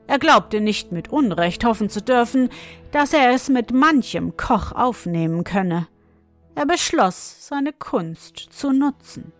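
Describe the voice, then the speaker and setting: Woman, fairy tale reading, slow, fairly high voice, faint music behind. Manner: calm, measured storytelling. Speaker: narrator.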